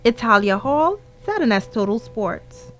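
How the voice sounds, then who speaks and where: Bahamian woman news reporter, higher pitch, measured read. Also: very animated, a bit bright, faint music behind. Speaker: sports reporter.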